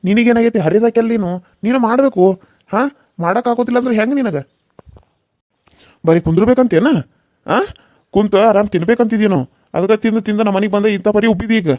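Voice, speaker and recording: A man's voice: high voice, a little mellow, no room sound, clean studio sound, lightly acted. A man voicing a stern middle-aged father-in-law in a cartoon serial, scolding and lecturing.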